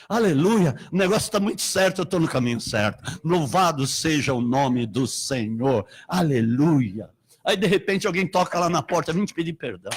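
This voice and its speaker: Brazilian pastor with a high, husky voice, preaching with fervor and big swings between shouting and murmuring. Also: male voice. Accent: Brazilian Portuguese. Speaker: apostle and pastor. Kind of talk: Pentecostal sermon.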